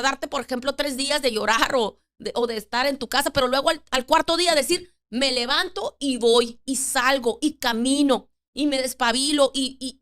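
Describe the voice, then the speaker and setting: A woman's voice: high voice, fairly bright tone, clean tone. A middle-aged woman hosting a solo podcast, talking earnestly about grief and often repeating words as she thinks aloud. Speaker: podcast host.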